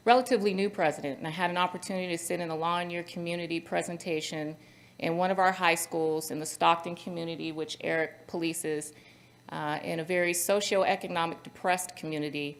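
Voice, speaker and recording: A woman's voice: on the low side, fairly even intonation, brisk. A woman moderating a conference panel, talking earnestly and telling a story, with frequent ums and uhs. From Central Valley, California. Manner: earnest, storytelling with many fillers.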